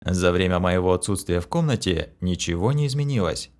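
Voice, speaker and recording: A man narrating an audiobook in a steady, even reading voice. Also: deep voice, brisk.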